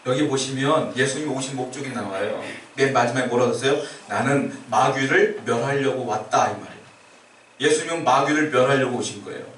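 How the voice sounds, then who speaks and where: A male pastor speaks quickly in a mid-range, slightly bright voice, preaching in a church sanctuary. Step by step he explains his message and asks the congregation questions. The distant mic yields roomy sound with slight background noise.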